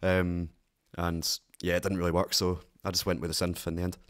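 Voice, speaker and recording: A man with a Glaswegian accent hosting a synth tutorial, talking in a relaxed, rambling way with plenty of fillers. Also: low-pitched, fairly quick. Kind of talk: casual tutorial talk.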